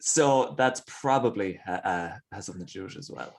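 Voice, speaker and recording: A man's voice: low voice, lively intonation, fairly quick. A man from the west of Ireland with an Irish accent, chatting casually and playfully as an interview guest, with self-deprecating humour. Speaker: guest comedian.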